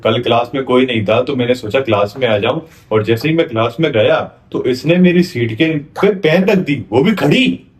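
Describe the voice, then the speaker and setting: A man's voice: medium pitch, lively intonation, normal speed. A man acting as a scolding, exasperated teacher in a comedy sketch.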